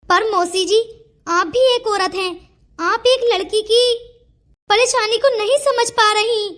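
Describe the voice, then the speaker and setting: A woman's voice: very high voice, slow, fairly bright tone, heavily acted. A woman voicing an apologetic young man coaxing his aunt in a cartoon story. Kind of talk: cartoon voice acting.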